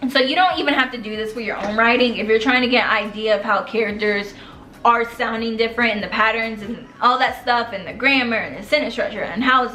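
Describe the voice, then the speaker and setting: A young adult woman with a bright, forceful, fairly high voice talks to camera about writing tips, rambling along chattily and dropping plenty of slang. The room sounds echoey, with faint noise.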